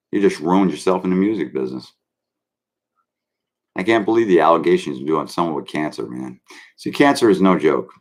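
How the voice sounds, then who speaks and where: Brash swaggering man ranting on a stream. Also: very deep voice. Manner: brash, swaggering, addresses viewers as kids. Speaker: online show host. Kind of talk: rambling live-stream rant.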